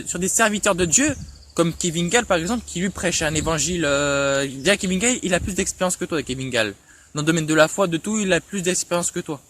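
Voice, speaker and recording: High-voiced man stammering through a scolding rebuttal. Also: fairly bright tone. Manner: stammering, repeats words and restarts often; reproachful, addresses a rival directly with questions. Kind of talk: impassioned online rebuttal.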